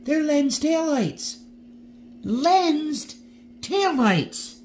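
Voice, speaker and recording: A man hosts his own diecast car channel, talking slowly and piling up the same excited words again and again. His pitch swings widely, jumping high whenever something delights him. It's a casual, chatty showcase voice. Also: slight background noise. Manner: excited, repeats phrases, gushing; pitch leaps up when thrilled. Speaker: diecast collector vlogger.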